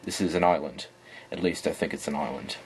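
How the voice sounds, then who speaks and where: A man reading a calm fair-haired schoolboy. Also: rumbling low, a little fast, a little hiss or hum. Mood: musing. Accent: put-on English.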